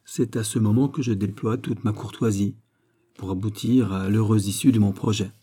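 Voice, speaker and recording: Porthos: a man doing a booming hearty giant. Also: fairly even intonation, normal speed, warm tone, slightly rough. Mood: jovial. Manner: jovial, booming, raised pitch. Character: boisterous giant old-style swordsman nobleman, hearty, boastful. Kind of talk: audiobook character voice.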